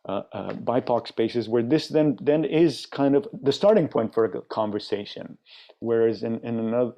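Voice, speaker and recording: A man speaking as a panelist in a discussion, thoughtful and halting, with many restarts. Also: lowish voice, gravelly, mellow.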